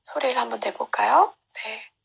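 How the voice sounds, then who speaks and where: A woman teaching English pronunciation in a live-streamed lesson, repeating words slowly to show stress and praising her learners. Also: fairly high pitch, gravelly, slightly rough, muffled recording.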